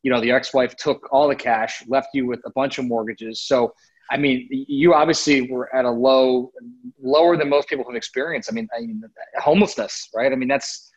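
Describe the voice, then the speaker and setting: Easygoing male podcast host, husky lo-fi sound. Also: mid-range voice, steady tone, moderate pace. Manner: easygoing, filler-heavy questioning. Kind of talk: casual interview.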